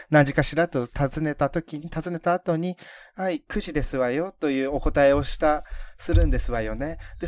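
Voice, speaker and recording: A man's voice: a little high, no room sound, natural voice. A man doing a snooty rich young lady, dry sound. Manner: refined ladylike speech, mock-haughty. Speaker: radio show co-host. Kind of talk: comedic radio chat in character.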